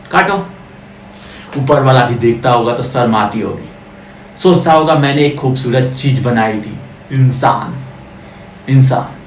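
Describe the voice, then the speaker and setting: A man with a natural, mid-range voice plays a bitter, defiant condemned prisoner in a theatrical film monologue. He scornfully declaims at a crowd, repeating words for emphasis, and the audio is echoey, distant and noisy.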